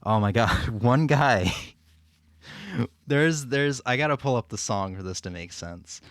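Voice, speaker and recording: A man's voice: mid-range voice, expressive, moderate pace, a bit bright, dry recording, studio quality. A man chatting casually on a stream in a rambling, hesitant way with some swearing. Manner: rambling, hesitant, profanity-laced. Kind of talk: casual chat to a stream audience.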